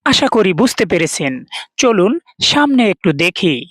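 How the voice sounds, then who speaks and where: Slow, patient woman teacher. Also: medium pitch, very animated, background noise. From Bangladesh. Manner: patient, repeats words and explains them one by one. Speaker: language teacher. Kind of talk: slow explanatory lesson.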